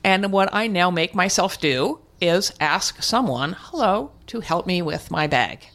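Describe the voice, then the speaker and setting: A woman's voice: on the low side, expressive, unhurried, fairly bright tone. An older woman speaking as a guest in an interview, frank and reflective, with restarts and occasional laughs. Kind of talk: candid conversational interview.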